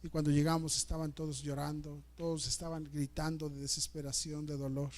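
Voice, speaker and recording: A middle-aged male pastor preaches a story-driven sermon, emotional and repeating words, with dramatic swings in loudness. His voice is fairly high-pitched, his delivery flat and brisk.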